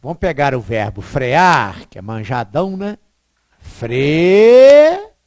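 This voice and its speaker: A woman teacher gives an informal grammar lesson. She is chatty and emphatic, tags her points with quick questions and chuckles often. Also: extremely low pitch, big pitch swings, no room sound, clean studio sound. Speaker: Portuguese teacher.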